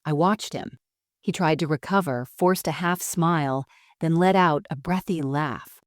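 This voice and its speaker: A woman narrating a first-person story in a calm, measured, composed way. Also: sits low, no echo, clean studio sound.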